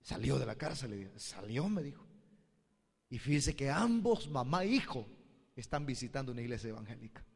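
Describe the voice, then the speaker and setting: A man's voice: medium pitch, sing-song, a little fast, creaky, darkish tone, husky, long reverb tail. A man pastor, preaching a sermon and addressing the congregation with questions. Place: church hall.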